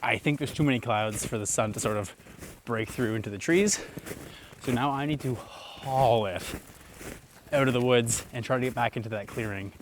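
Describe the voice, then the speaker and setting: A man's voice: medium pitch, noisy background. A young adult man, a landscape photographer, casually talking to camera while out walking in snowy woods. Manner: relaxed, musing, talks while walking. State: out of breath. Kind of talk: casual vlog narration on location.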